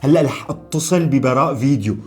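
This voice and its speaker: Fast-talking man hosting a vlog. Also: mid-range voice, darkish tone. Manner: bossy, teasing older-brother banter. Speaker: vlog host setting up a prank. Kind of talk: casual prank vlog chat.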